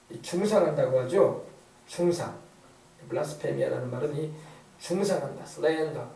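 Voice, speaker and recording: A man's voice: on the high side, vocal fry, mellow. Emphatic preaching man in an echoey church. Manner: rhetorical questions, emphatic repetition. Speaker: pastor. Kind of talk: sermon. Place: church sanctuary. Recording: echoey church hall, distant mic.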